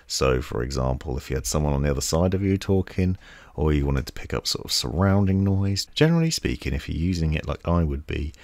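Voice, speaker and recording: A man with an extremely deep, gravelly voice talks through a microphone review at his desk. He explains each feature step by step in a casual way. The sound is dry and close, with no room echo. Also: animated, fairly quick, darkish tone. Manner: explanatory, demonstrating gear step by step. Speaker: tech reviewer. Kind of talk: casual product review demo. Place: desk setup indoors. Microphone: desk microphone on boom arm.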